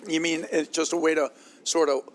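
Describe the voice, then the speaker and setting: A man commentating a platform tennis final, talking at length in a relaxed, analytical way, his voice strained from hours of talk. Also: on the high side, brisk. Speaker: play-by-play commentator. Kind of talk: sports commentary.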